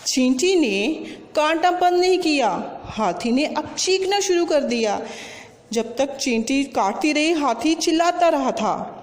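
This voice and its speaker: A woman with a high-pitched, expressive voice speaks slowly, her sound carrying the echo of a big room. She's a teacher telling a story to young pupils, coaxing them along with repetition and questions in a children's storytelling lesson.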